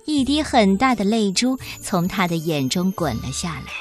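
A woman reading a children's picture book aloud, in an expressive, sing-song storytelling voice. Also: mid-range voice, normal speed, faint music behind.

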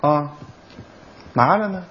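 A man playing the supporting role in crosstalk comedy, with quick interjections and reactions. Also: a little high, animated, lo-fi sound, very noisy.

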